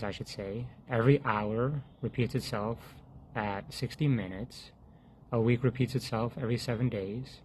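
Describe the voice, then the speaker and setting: Earnest man sharing a halting testimony. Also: mid-range voice, darkish tone, slight background noise. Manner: earnest, halting, restarts often, drops to near murmur when quoting prayer. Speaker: faith vlogger sharing a testimony. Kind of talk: personal testimony monologue.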